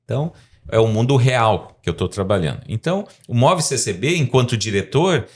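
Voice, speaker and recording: A man's voice: mid-range voice, lively intonation, normal speed. A Brazilian man in his forties, a professor being interviewed on a podcast, explaining in a rambling way with frequent tag questions. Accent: Brazilian Portuguese. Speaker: guest scientist and professor.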